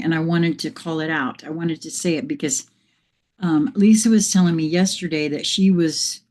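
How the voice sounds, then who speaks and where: A woman's voice: deep voice, darkish tone. Slightly breathless woman, reflective morning chat. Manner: reflective, meandering spiritual storytelling. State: a little out of breath. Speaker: live stream host. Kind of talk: casual live morning chat.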